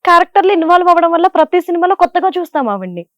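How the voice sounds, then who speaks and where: A woman's voice: very high voice, rapid-fire, no echo, studio quality. A young woman, a television serial actress with a Godavari Telugu accent, chatting in an interview with lots of fillers. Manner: chatty and animated, with frequent fillers. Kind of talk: casual interview answers.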